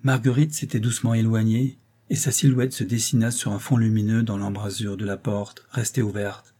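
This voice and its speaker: A man narrating a novel as an audiobook reader, in a calm, measured delivery. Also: on the low side.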